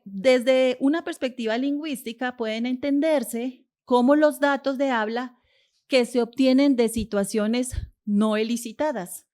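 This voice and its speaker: A woman lecturer with a somewhat high voice explains a linguistics topic to a conference audience. She asks herself rhetorical questions and then answers them. She fills her pauses with hesitations. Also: darkish tone.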